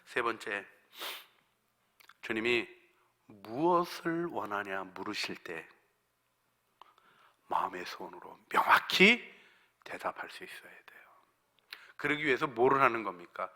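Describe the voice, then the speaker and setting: A man preaching a sermon as pastor, swinging from hushed near-whispers to fervent shouting and putting questions to the congregation. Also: lowish voice, animated, unhurried, long pauses. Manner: asks the congregation questions and answers them; acts out quoted voices within the sermon.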